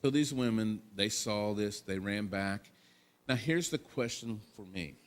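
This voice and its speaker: A man's voice: fairly low pitch, expressive, measured pace. A man pastor giving a sermon in a conversational tone, asking the congregation rhetorical questions and adding casual asides.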